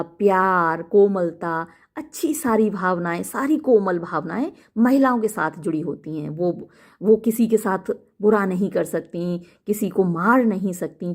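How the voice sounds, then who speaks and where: A woman teacher who reads each line of a play slowly and then explains it. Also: on the low side. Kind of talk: line-by-line text explanation lesson.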